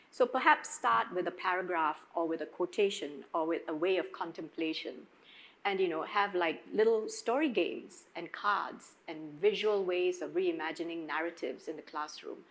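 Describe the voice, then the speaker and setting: Reflective woman with a lowish voice. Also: rough recording. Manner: reflective, explanatory, emphatic phrasing. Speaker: panelist. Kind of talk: panel discussion.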